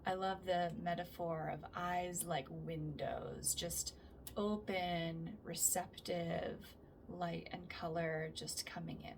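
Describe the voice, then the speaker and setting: Distant-miked woman guiding a calm grounding exercise. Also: fairly low pitch, takes it slowly. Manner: calm and gentle, trailing off softly at phrase ends. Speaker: somatic practice instructor. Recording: distant mic with faint background noise.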